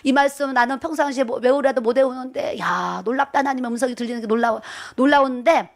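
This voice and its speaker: A woman's voice: high voice, fast talker. A middle-aged woman, a pastor's wife, preaching a sermon. She speaks emphatically, repeats her words and chuckles through self-mocking asides.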